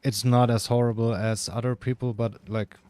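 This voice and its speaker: A man's voice: medium pitch, level tone, moderate pace, a little mellow. A man with a German accent giving casual, chatty commentary while gaming, saying "like" often and swearing freely. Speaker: streamer.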